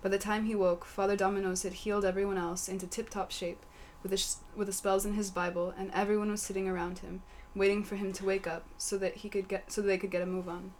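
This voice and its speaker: Woman reading a goofy story totally deadpan, faint hiss behind. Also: mid-range voice, fast. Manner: matter-of-fact, deadpan. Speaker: story reader. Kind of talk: deadpan comic narration.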